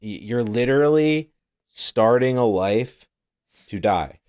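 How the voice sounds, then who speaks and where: A man's voice: mid-range voice, lively intonation, slow, a little mellow, smooth. Rambling, swearing young man. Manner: rambling, swears a lot, laughs often. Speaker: podcast co-host. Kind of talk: casual chat.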